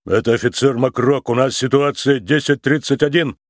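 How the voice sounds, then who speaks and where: A man's voice: medium pitch, fairly even intonation, normal speed, no room sound, studio quality, close to an everyday voice. A man voicing a brusque male rhino police officer in a storybook reading, reporting in a clipped, official tone.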